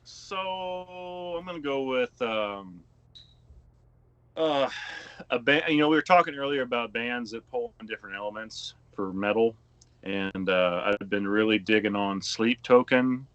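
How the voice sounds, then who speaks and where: A man co-hosting a band's podcast, chatting casually with excitable bursts and easy laughter. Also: on the low side, moderate pace, no room sound, muffled recording. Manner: excitable, loud outbursts and laughter. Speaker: podcast co-host, band member. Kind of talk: casual chat.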